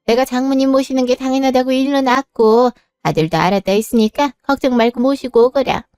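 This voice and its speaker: A woman playing a brisk, caring older mother-in-law in a spoken story, firm and scolding yet reassuring. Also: high-pitched, a little mellow, clean tone, no echo, studio quality, close to an everyday voice.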